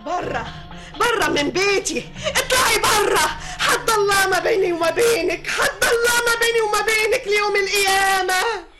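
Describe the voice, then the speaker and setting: An actress playing a fierce, jealous Egyptian wife who scolds loudly and breaks into tears, in an Egyptian accent, radio drama. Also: female voice, very high-pitched, expressive, quick pace, loud music behind the voice. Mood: furious crying. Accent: Egyptian Arabic. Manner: loud, scolding, tearful outbursts. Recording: noisy old radio recording.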